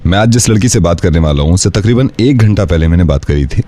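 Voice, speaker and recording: A man's voice: deep voice, animated, fast, warm tone, a little hiss or hum. A male radio host running a prank call, then lecturing the caller in an earnest, emotional way. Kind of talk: radio prank show presenting.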